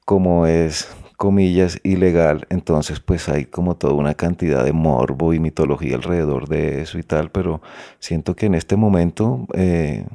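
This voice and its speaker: A man with a faded Colombian Caribbean coastal accent, a guest author talking things over thoughtfully, pausing often on "eh". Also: extremely low pitch, creaky, dark tone, no echo, clean studio sound. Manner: thoughtful, hesitant, many "eh" fillers. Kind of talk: reflective interview conversation.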